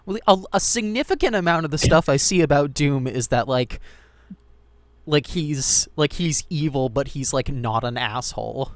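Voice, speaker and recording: A man's voice: on the high side, lively intonation, normal speed, dry recording. Rambling, swearing young man in casual chat. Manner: rambling, heavy filler words, swears casually. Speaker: streamer.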